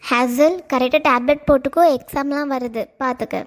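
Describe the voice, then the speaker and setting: Brief: a woman as a firm lady teacher, lecturing tone, high voice. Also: steady tone, normal speed, natural voice. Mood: mollified. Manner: lecturing, stern. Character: strict female college teacher, firm. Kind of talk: comedy sketch acting.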